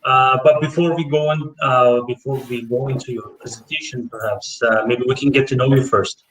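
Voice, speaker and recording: A man's voice: medium pitch, steady tone, moderate pace, fairly bright tone. A man hosting a live webinar as program manager, friendly and hesitant, with many fillers. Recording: roomy distant webinar audio.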